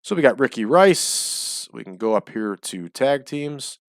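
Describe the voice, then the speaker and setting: A let's-play host in a small room at home chats through a casual playthrough, explaining his choices along the way. His medium-pitched voice is animated and a bit slow, sounding slightly off and dry from the air in his house, with no room sound.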